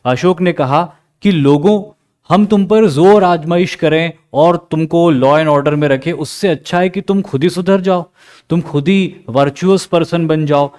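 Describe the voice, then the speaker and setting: A man with an Indian accent giving a lively recorded history lecture, asking questions and acting out students' answers. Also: fairly high pitch, measured pace, clean tone. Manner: lively, asks questions and acts out students' replies. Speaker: history teacher.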